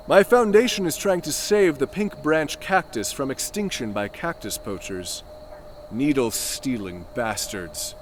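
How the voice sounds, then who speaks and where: An actor playing a vain, melodramatic gentleman space adventurer in a comic sci-fi audio drama, speaking in a florid, theatrical way. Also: mid-range voice, slight background noise. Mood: flustered bluster. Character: pompous, self-proclaimed dashing male space adventurer, vain and melodramatic.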